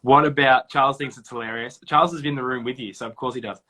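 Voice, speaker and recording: A man's voice: medium pitch, steady tone, fast, crowd noise. A man hosting a casual youth ministry video chat, chatty and joking with his guests. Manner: jokey, chatty.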